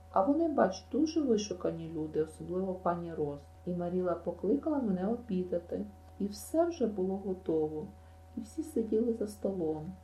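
A woman's voice: on the low side, warm tone, roomy sound, a little hiss or hum, lightly acted, rough recording. A woman voicing a gushing, dreamy young girl. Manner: breathless, gushing storytelling. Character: chatty dreamy girl, dramatic and imaginative. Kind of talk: audiobook reading.

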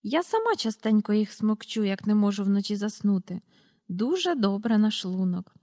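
A woman voicing a tiny, very old shopkeeper woman with a squeaky voice, in a read-aloud storybook. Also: big pitch swings, normal speed, warm tone, no room sound, studio quality. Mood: chatty. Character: tiny ancient shrill old woman shopkeeper, sharp-tongued.

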